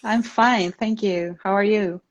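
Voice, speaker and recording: An Argentine woman whose first language is Spanish talks casually about her own work as an interview guest, often searching for words. Her medium-pitched voice is unhurried with fairly even intonation. The online call sounds slightly dull and lo-fi.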